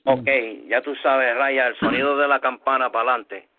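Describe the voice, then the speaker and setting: A man's voice: medium pitch, level tone, normal speed, very noisy. A man hosting a phone rap battle, announcing in a laid-back way and calling up the next rapper. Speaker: battle host. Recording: tinny phone line.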